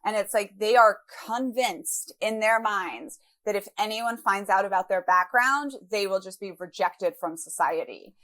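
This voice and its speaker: A woman's voice: medium pitch, unhurried, few pauses, fairly bright tone. A woman in her thirties from Brazil, a guest author talking candidly in a casual interview with frequent fillers. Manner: candid, reflective, many fillers.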